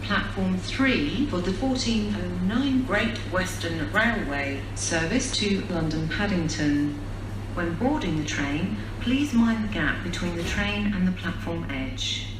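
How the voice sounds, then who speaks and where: A woman's echoey train station announcement. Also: lowish voice. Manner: measured, even, clipped list reading. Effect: public address station announcement over loudspeakers. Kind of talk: automated railway platform announcement. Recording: echoey station hall with noise.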